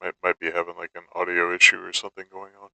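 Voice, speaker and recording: Deep, creaky-voiced male host. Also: no echo, low-quality recording. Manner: relaxed, with many filler pauses. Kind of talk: casual online community call.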